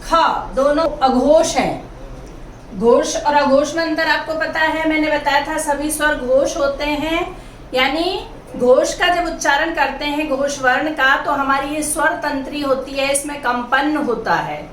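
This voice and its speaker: Female Hindi teacher, slow and patient, spelling out each letter; roomy recording with faint hiss. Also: high voice. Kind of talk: grammar lesson explaining consonants. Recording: echoey room, mic at a distance, faint hiss.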